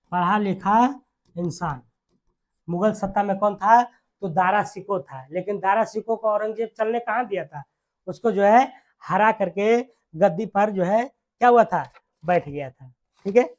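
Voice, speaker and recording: Speaking like she's in front of a class, an exam-prep teacher repeats important words and checks understanding with short tag-phrase questions. The voice is mid-range and a little mellow.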